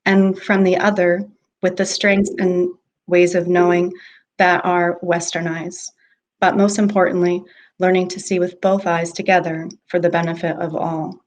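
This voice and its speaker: A woman university speaker reading prepared remarks in a measured, deliberate way, pacing out long lists, speaking over a video call. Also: lowish voice, little pitch movement, a little hiss or hum. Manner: measured, deliberate list-like delivery.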